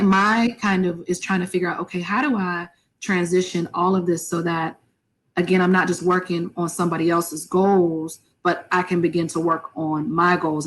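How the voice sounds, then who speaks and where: A woman's voice: lowish voice, fairly bright tone, low-quality recording. A woman in her thirties on a podcast, reflecting and thinking aloud with some restarts. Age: 30s. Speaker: podcast co-host. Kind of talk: casual podcast chat.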